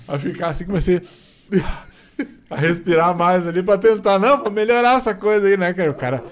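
A man's voice: sits high, lively intonation, brisk. A man with a southern Brazilian Portuguese accent, telling his experiences in a casual, colloquial podcast chat and acting out bits of dialogue. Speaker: podcast guest. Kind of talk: casual conversational storytelling.

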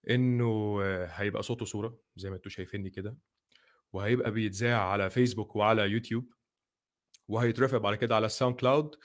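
A man with an Egyptian Arabic accent hosting a casual podcast chat, mixing English words into his Arabic. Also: on the low side. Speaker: podcast host.

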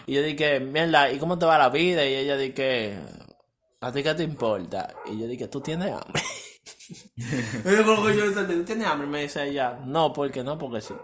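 A man, co-hosting a podcast, telling a story in animated, laughing, slangy casual chat. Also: a little high, moderate pace. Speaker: podcast co-host.

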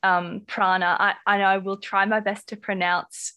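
A woman's voice: medium pitch, little pitch movement, moderate pace, bright, forceful tone, clear, resonant tone. A woman with an Australian accent hosting a podcast interview, effusive and full of ums. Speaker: podcast host.

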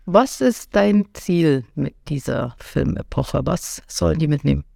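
Female podcast host, calm and curious, gravelly timbre, dry close mic. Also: low-pitched, unhurried, no room sound. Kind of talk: interview questions.

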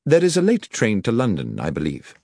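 A man voicing a shrewd, commanding gentleman detective who speaks formally and precisely, with dry irony. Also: fairly low pitch, huge pitch swings, a little fast, gravelly, no room sound, voice pushed up, full character voice. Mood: courteous, probing. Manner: precise, formal, dryly ironic questioning.

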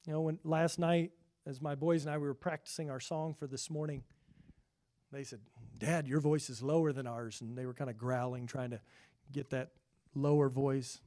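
At a moderate pace and with fairly even intonation, a middle-aged male pastor preaches in earnest. He has a high voice for a man, getting louder for scripture and quieter for asides.

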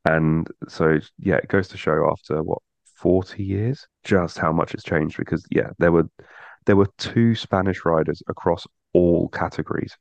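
A man's voice: sits low, steady tone, unhurried, creaky, no echo, dull audio. A man co-hosting a motorsport podcast in casual chat, rambling and restarting his sentences. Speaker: podcast co-host.

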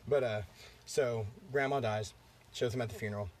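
A man's voice: mid-range voice, fairly even intonation, moderate pace, a little hiss or hum. A man with a congested throat hosting a podcast, telling movie plots in a rambling, profane way with lots of fillers. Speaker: podcast host. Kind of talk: casual chat, storytelling.

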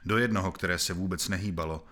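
A man narrating a novel in the first person, reading in a measured, grave manner. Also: deep voice, bright, forceful tone.

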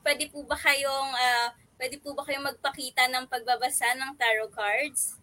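A woman's voice: sits high, steady tone, normal speed, pushed and bright. A woman with a Filipino accent co-hosting casually in mixed Tagalog and English. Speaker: podcast co-host.

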